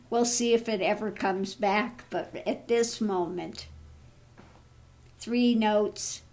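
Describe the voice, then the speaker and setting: This online vlogger and tarot reader, a woman in her early 70s, talks in a relaxed, personal way with a slightly mellow sound. Her voice, lower and quick to tire after thyroid surgery, makes her halting, yet she keeps laughing at her own difficulties.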